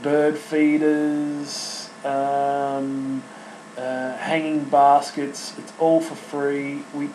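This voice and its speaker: An Australian man in his thirties hosting an unscripted solo podcast, chatty and sentimental, talking in halting bursts full of restarts and fillers. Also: on the high side, flat delivery, a little mellow, roomy sound, a little hiss or hum, rough recording. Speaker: podcast host. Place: home studio.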